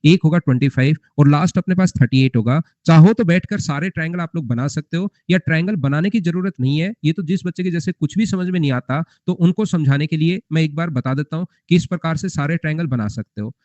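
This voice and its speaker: A young male math teacher lecturing in a somewhat high, mellow voice, coaxing and repetitive, forever asking his students whether they remember. The sound is muffled and lo-fi, close and dry with no room echo. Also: fast, few pauses. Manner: repetitive, coaxing, quizzing students with rhetorical questions. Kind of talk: live class lecture. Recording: muffled lo-fi recording.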